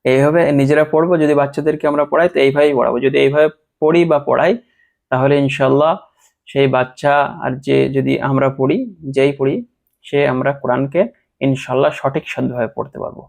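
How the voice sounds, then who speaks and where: A man teaching Quran reading, slowly spelling out each Arabic letter with its vowel sound and then blending them into words. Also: mid-range voice, level tone, vocal fry, a little mellow. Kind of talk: slow syllable-by-syllable Quran reading lesson.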